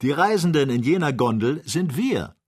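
A man voicing a calm, learned male doctor leading a balloon journey, in an audiobook reading. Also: a little high, normal speed, husky, pitched above the performer's own voice. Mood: explaining. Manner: calm, explanatory.

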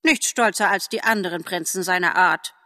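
A woman's voice: fairly low pitch, bright, forceful tone, dry recording. A woman voicing a chatty, self-justifying magpie in a storybook, in a dry close recording. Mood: gossipy. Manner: chatty, quick to excuse herself.

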